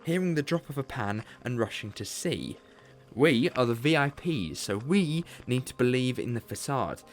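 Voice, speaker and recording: A man playing the Doctor, an eccentric alien time traveler in an audio drama who talks quickly and theatrically and loves a grand explanation. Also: mid-range voice, lively intonation, soft background music, close to an everyday voice. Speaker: lead character. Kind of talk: fan audio drama acting.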